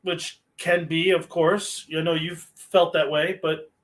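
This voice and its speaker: A man talks in a casual chat with a high, bright, forward voice. He tells his story slowly and lets each phrase stretch out. His pace stays relaxed and unhurried throughout.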